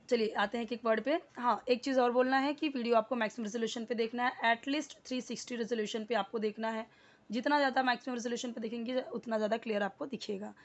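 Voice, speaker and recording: A woman's voice: a little high, lo-fi sound. A woman teaching English in Hindi, repeating words and explaining them patiently with many fillers.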